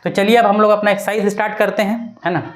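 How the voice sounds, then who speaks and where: A woman's voice: mid-range voice, little pitch movement, fast talker. A woman teaching an English grammar lesson, spelling words out letter by letter and checking in with her students often. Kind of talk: classroom-style grammar lesson.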